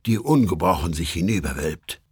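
A man voicing a scheming male devil captain who barks commands at his troop in a storybook reading, with a husky voice. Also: deep voice, lively intonation, normal speed, no room sound, studio quality, pitched below the performer's own voice, exaggerated voice. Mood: ordering. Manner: barking orders.

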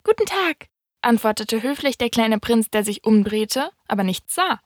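A woman narrates a children's classic with an even, measured delivery. Her voice is fairly high for a woman and sits close to the mic, dry and free of room sound. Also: no echo. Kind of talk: audiobook reading.

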